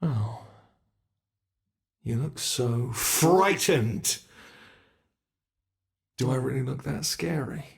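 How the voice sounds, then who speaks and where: In an ASMR horror roleplay, a man voices a gleeful, menacing monster that has lurked under the bed for centuries. He teases in a whispery way, drawing out his words, with a gravelly medium-pitched voice and a smug, gloating mood.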